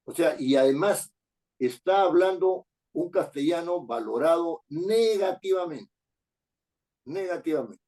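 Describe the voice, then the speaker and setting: A man's voice: a little high, lively intonation, unhurried, dark tone, poor audio. An older man from Peru giving a classroom lecture, emphatic, repeating phrases and checking that students follow.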